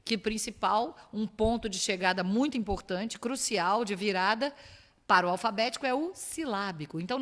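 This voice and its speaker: A woman's voice: mid-range voice, fairly bright tone. A woman with a Brazilian Portuguese accent giving an academic lecture, explaining step by step and asking rhetorical questions. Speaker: university lecturer. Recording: long reverb of a lecture hall.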